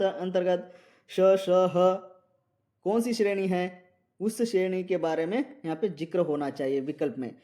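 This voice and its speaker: Slow, mellow-voiced man teaching a lesson. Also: high-pitched. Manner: reads options aloud, repeats answers, asks viewers to comment; drawn-out sounding of letters. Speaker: Hindi exam teacher. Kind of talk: exam question walkthrough.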